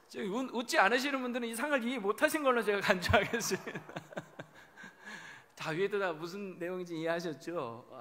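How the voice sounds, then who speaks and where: A male pastor delivering a sermon in a church, with a high-pitched voice. His tone is bright and forceful. He preaches in an animated way and acts out the people in his stories. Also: slight background noise. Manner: animated storytelling, acting out imagined dialogue with laughs. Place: church sanctuary.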